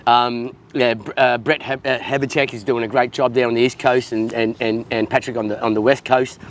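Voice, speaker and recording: A man's voice: mid-range voice, flat delivery, brisk, slight background noise. Blokey Australian man chatting casually. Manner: blokey, sweary, matey. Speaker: podcast host interviewing a guest. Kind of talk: casual chat.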